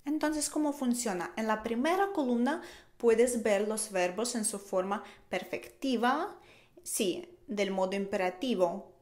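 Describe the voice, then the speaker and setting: A woman teaching a language lesson, slowly repeating each phrase for learners to copy. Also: fairly high pitch, a little mellow.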